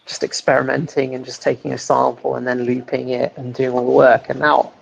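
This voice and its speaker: Gravelly, husky man on a lo-fi call. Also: mid-range voice, flat delivery, a little fast. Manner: musing, conversational. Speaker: panelist. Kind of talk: casual chat.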